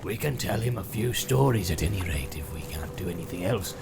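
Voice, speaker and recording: Audiobook: a narrator doing a crafty, sneering orc captain, rough and low, gravelly, with music behind. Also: male voice, expressive, fairly quick. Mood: jeering.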